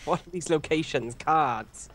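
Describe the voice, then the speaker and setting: A man's voice: on the high side, measured pace, crowd noise. A man with a nasal, blocked-nose sound, giving casual co-op gameplay commentary and laughing at himself often. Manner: laughs often, self-mocking. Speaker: co-op gamer.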